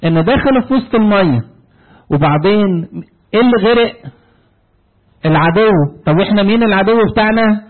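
A man's voice: high voice, brisk, long pauses. A man preaching a sermon in an Egyptian Arabic accent, retelling dialogue and asking the congregation fill-in questions. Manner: asks the congregation fill-in questions ending in "what?"; animated storytelling, retelling dialogue. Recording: narrow tinny phone-like sound.

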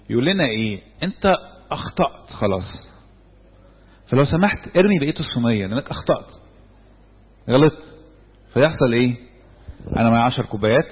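A church speaker with an Egyptian Arabic accent and a medium-pitched, breathy-edged voice gives a sermon-style talk to a group. He keeps asking his listeners questions, then answers them himself. A handheld mic picks him up in an echoey hall, with tinny, phone-like sound quality.

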